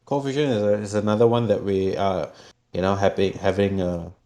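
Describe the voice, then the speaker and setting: A man's voice: on the low side, steady tone, a little fast, mellow. A man from Singapore chatting casually as a guest, hesitant, often repeating words and laughing. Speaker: project guest. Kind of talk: casual chat.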